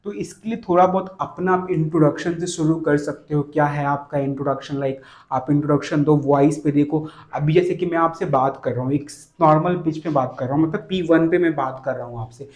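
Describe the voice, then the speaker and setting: A man coaching on voice in a casual spoken lesson, with a slightly high voice. He keeps repeating his points and asks quick rhetorical questions. The sound carries a roomy echo. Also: darkish tone. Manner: repetitive, rhetorical questions to the viewer. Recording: echoey room.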